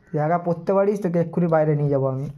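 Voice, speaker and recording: A man chatting to his pet dog for a vlog, teasing and coaxing it in affectionate baby talk. His voice sits a little high. The sound is dull and lo-fi, like a phone recording. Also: racing. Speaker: vlogger.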